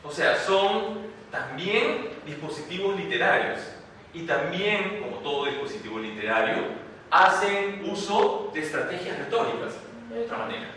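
Lecturer, male, slightly high voice, heard from afar in a roomy classroom. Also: very animated, moderate pace, bright, forceful tone, a little hiss or hum. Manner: conversational, rhetorical tag questions. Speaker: university lecturer. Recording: echoey room, distant mic.

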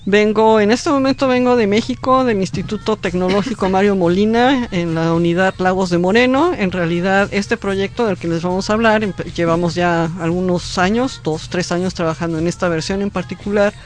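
A woman, a visiting professor, introducing her project as a radio guest, pausing with fillers. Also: medium pitch. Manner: hesitant, many fillers. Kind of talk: radio interview.

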